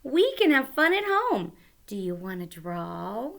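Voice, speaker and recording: A woman voicing a patient, cheerful mother in a children's picture book, coaxing her son gently. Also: mid-range voice, very animated, a little slow, gravelly.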